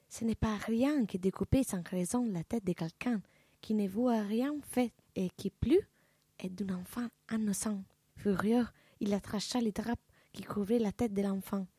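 A woman's voice: mid-range voice, warm tone, husky, no room sound. A woman reading a translated literary folk tale aloud in a grave, dramatic manner. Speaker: reader.

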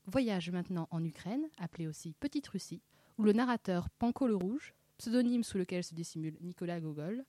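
A woman hosting a literary reading programme, introducing readers with wry, measured remarks. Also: mid-range voice, warm tone, dry recording. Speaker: host. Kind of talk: scripted radio presentation.

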